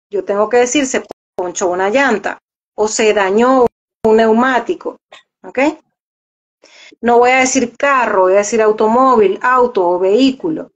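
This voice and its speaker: A woman, a voice actress, talking casually in an interview, explaining at length and often repeating words as she searches for them. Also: on the high side. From Venezuela. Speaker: voice actress and journalist, guest. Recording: dull lo-fi audio.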